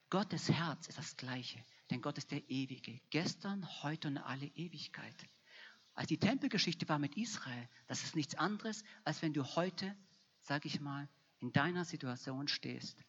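A woman's voice: low voice, breathy edge. A woman preaching a sermon, emphatic and repetitive, building to fervent passages. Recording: dull lo-fi recording.

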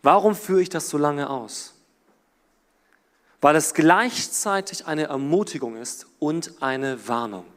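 A man preaching a sermon, swinging from loud emphasis to quiet, low passages. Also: takes it slowly. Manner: animated, rises and drops in volume for emphasis.

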